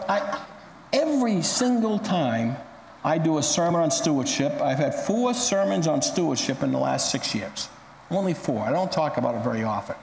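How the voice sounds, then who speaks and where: A man's voice: fairly high pitch, a little mellow, roomy sound, big-room sound, slight background noise, poor audio. A male pastor preaching a sermon, telling stories dramatically and acting out the quotes. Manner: dramatic storytelling with acted quotes.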